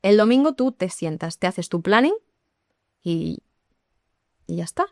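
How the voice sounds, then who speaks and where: Lively woman explaining. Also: mid-range voice, unhurried, dry recording, studio quality. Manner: lively, explanatory, addresses listeners directly. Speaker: English teacher. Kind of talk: podcast conversation.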